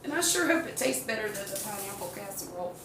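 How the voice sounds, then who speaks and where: A quick-paced, sing-song voice of medium pitch and fairly bright tone belongs to an older woman with a Southern US accent. She chats casually and folksily, rambling as she gives a cooking demonstration in her home kitchen. The sound is roomy, from a distant mic, with background noise.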